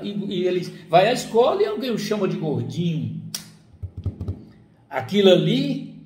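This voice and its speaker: A man giving an explanatory talk as a psychologist, acting out parents and children as he speaks. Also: sits high. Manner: animated, acts out quoted parents and children. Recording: echoey room with faint ambience.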